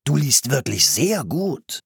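A man's voice: medium pitch, sing-song, normal speed, husky, no echo, clean studio sound, voice pushed up. Man doing an eager playwright. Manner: enthusiastic, coaxing. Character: excitable adult male playwright, eager and persuasive.

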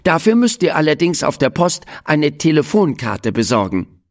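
A narrator voicing a patient but firm female schoolteacher who quizzes her class in a bright, coaxing tone, in a children's storybook reading. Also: medium pitch, sing-song, moderate pace, pitched above the performer's own voice, natural voice. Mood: instructive. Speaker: class teacher.

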